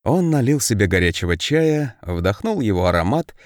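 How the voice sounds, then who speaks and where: A man's voice: on the low side, sing-song, moderate pace, a little mellow, dry recording, clean studio sound. A man reading an audiobook in scripted narration, telling the story expressively.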